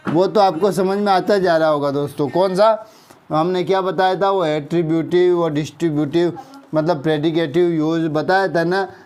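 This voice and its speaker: A man with a Hindi accent teaching English grammar, explaining slowly and checking in with the class after each point. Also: a little high, darkish tone. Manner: slow explaining, drawn-out example sentences, frequent "theek hai na" checks. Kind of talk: classroom-style grammar lesson.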